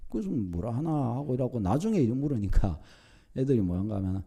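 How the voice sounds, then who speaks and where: Middle-aged male pastor, gravelly and mellow, animated sermon delivery. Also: medium pitch, quick pace. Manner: animated preaching, acts out family dialogue. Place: church sanctuary.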